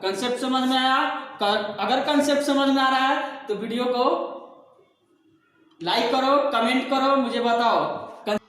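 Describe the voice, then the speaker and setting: A man's voice: extremely high pitch, a little slow, fairly bright tone. A man with a Hindi accent teaching an English grammar lesson in a classroom, asking the class questions and answering them himself. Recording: echoey room, distant mic, faint hiss.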